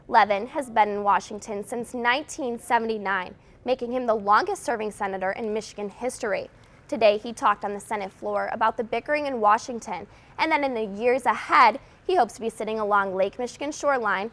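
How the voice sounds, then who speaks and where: A woman's voice: fairly high pitch, fairly bright tone. An American woman reading scripted television news as the anchor.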